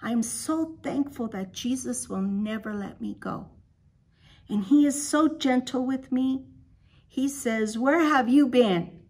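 A woman with a fairly high voice leads a children's Bible lesson. She talks slowly and gently, in the easy, questioning way of someone telling a story to small kids. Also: breathy edge. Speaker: children's program leader.

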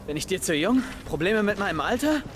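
A man's voice: high-pitched, very animated, a little fast, over music. An actor playing a brash young male survivor leader in a video game, curt, impatient and sarcastic. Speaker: game character. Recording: game audio with clear background noise.

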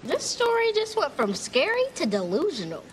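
A woman's voice: high-pitched, wildly swooping pitch, normal speed, background noise. A female actor playing a sassy, wisecracking young sitcom camper, full of sarcasm. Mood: sarcastic. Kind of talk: sitcom acting.

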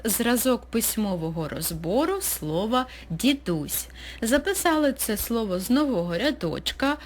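A woman teacher narrating a recorded school lesson, speaking slowly and clearly as if dictating. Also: fairly high pitch. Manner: slow, clear, dictating pace.

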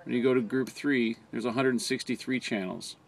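The recording is low quality, amateur camera audio from a nearby handheld camera or phone, with noticeable background noise. In it, an American fire department communications trainer with a brisk, mid-range voice and vocal fry narrates a hands-on training video, giving plain step-by-step instructions.

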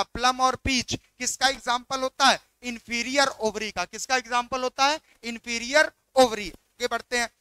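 A man's voice: very high voice, pushed and bright, smooth, no room sound. A man teaching biology, walking through exam questions and coaxing students by repeating each question back.

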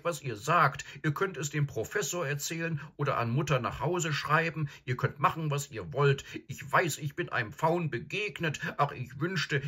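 Little girl, storybook, earnest and stubborn, high eager voice, put on by a male reader. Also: pushed and bright, slightly rough, exaggerated voice.

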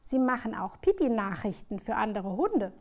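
A woman voicing a kindly grandmother who calmly explains things to a child in a children's storybook reading. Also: medium pitch, moderate pace. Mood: explaining. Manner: calm, gently explaining.

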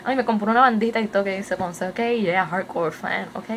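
A young woman with a Puerto Rican Spanish accent, chatting fast and excitedly in a casual video update and slipping English words into her Spanish. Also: medium pitch, slight background noise. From Puerto Rico. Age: young adult. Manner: hyper, rapid, mixes English into Spanish. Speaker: vlogger.

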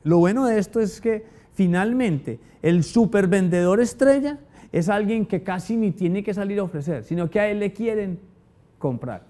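Animated man giving a sales talk. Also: high-pitched, moderate pace. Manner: animated storyteller, asks rhetorical questions. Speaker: sales trainer. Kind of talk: motivational sales talk to an audience.

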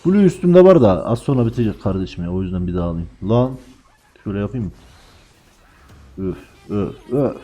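A man commentating live on his own gameplay, excitable, swearing at and trash-talking his teammates. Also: fairly low pitch, a little fast, long pauses, muffled recording. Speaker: gaming channel host.

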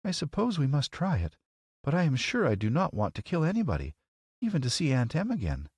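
A man voicing a sad, gentle, earnest little girl in a storybook reading. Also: a little high, huge pitch swings, a little fast, slightly rough, dry recording, studio quality, voice pushed up, full character voice. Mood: sad, worried.

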